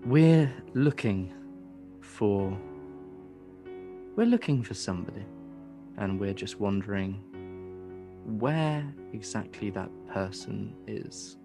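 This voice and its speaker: A man voicing a scarred knight captain who speaks slowly and calmly, with quiet menace. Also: fairly low pitch, vocal fry, music in the background, exaggerated voice. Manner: slow, measured, quietly threatening.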